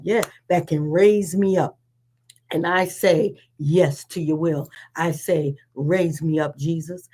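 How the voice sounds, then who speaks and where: A woman delivers a sermon in a fairly low voice. She preaches with an emphatic, repetitive cadence, building each point line by line.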